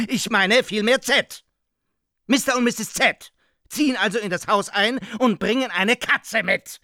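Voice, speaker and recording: A man's voice: high voice, bright, forceful tone, no room sound, studio quality. An actor playing a pompous, aggrieved man who lectures and accuses in a radio drama. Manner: insistent, lecturing, pedantic. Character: pompous aggrieved middle-aged man, hectoring. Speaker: Edgar Morgan, aggrieved host.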